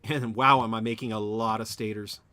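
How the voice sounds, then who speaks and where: A man's voice: lowish voice, fairly even intonation, normal speed, sharp tone, slight background noise. A man live-streaming a factory-building game, rambling as he builds and chatting with viewers. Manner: rambling, talks to chat while building. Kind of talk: casual live-stream chat while playing.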